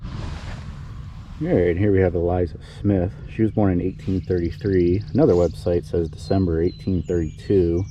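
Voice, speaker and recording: Talking quietly so he won't wake the neighbours, a man narrates a casual history tour of a small neighbourhood cemetery for his vlog. His voice is low and fairly even, at a normal speed. The outdoor recording is slightly muffled, with background noise.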